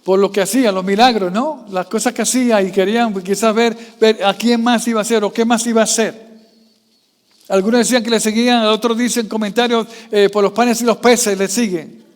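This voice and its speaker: A man with a strikingly high voice preaches a sermon, constantly quizzing his congregation with questions. He swings between quiet, low asides and loud, raised passages. His voice trails off into a long reverb from the church hall. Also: steady tone, fairly quick. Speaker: pastor.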